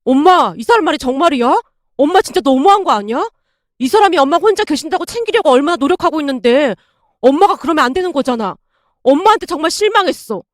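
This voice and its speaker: A woman voicing a hot-headed middle-aged son who scolds his mother loudly and fast. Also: high-pitched, lively intonation, no echo, clean studio sound. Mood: angry. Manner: loud, fast, reproachful.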